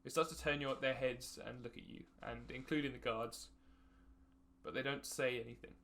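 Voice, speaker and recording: A young man running a tabletop game as its game master. He narrates in a hesitant way, full of fillers and restarts, with a gravelly grain to his mid-pitched voice. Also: fairly even intonation, normal speed, a bit bright, a little hiss or hum. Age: young adult. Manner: hesitant, many fillers and restarts, laughs often.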